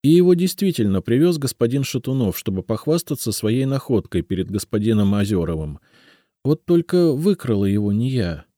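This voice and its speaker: A man's voice: mid-range voice, sing-song, fairly quick, dark tone, no echo, clean studio sound, pitched above the performer's own voice, lightly acted. Man doing a pleading young healer woman. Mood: earnest. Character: young female healer, guarded but earnest.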